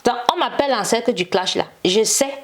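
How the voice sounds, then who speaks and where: A woman's voice: a little high, fairly quick. A woman, an interview guest telling a long story and acting out the quotes. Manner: acts out quotes and sings snippets, repeats "et tout". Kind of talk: animated storytelling.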